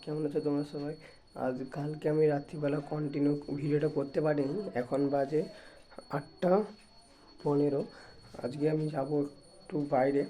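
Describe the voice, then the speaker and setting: A man from West Bengal, India, chatting rapidly to his viewers in a casual daily vlog, recorded outdoors on a handheld phone. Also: on the high side, little pitch movement. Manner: chatty, rapid, repeats sign-offs. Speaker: vlogger. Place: outdoors, at a fair and by a road. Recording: loud traffic and outdoor noise.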